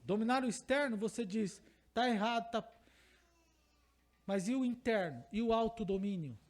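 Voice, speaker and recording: A man's voice: high-pitched, normal speed, a little mellow. A male pastor with a Brazilian Portuguese accent, giving a teaching sermon to a congregation, emphatic and repeating key phrases while asking the listeners questions.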